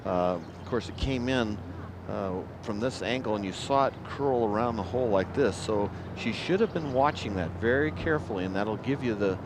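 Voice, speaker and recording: A man's voice: fairly low pitch, animated, moderate pace. A man working as a golf commentator, giving conversational analysis in a blunt, colloquial way. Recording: outdoor broadcast with crowd and loud noise. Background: golf crowd and outdoor noise.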